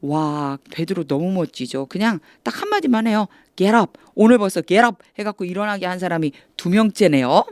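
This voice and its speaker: A woman teaching English through Bible reading, who explains step by step, asks the viewer questions and reads English phrases slowly before explaining them. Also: on the low side, lively intonation, darkish tone, no echo, studio quality. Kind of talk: explanatory lesson.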